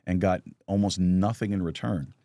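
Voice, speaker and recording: A middle-aged man hosts a relaxed live conversation, his voice sitting very low. He tells stories loosely, restarting phrases and chuckling along the way. The sound is dry and close. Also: moderate pace, no echo. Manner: storytelling with lots of restarts and chuckles. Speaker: podcast host. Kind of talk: casual live chat.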